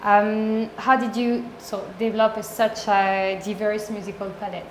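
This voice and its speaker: A woman's voice: medium pitch, flat delivery, normal speed. A woman interviewer asking questions and giving brief encouraging responses. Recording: echoey room, faint noise.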